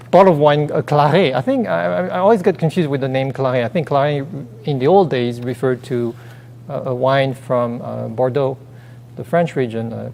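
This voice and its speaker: On a theater stage, a man co-hosts a casual chat show, his speech hesitant and packed with fillers and restarts. His voice is medium-pitched, gravelly and somewhat dark, and the hall gives it a long reverb.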